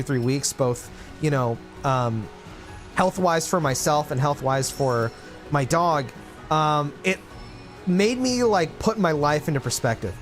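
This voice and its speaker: A man in his late twenties talking casually to his livestream chat, reflective and rambling with many fillers and restarts. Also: on the high side. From Philippines. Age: 20s. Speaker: streamer.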